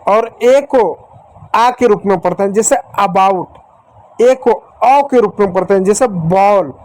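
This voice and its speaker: A man teaching young children letter sounds in a patient, repetitive way, slowly sounding out letters and speaking to the children directly and affectionately. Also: high-pitched, a little mellow, rough recording. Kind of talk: phonics lesson for young children.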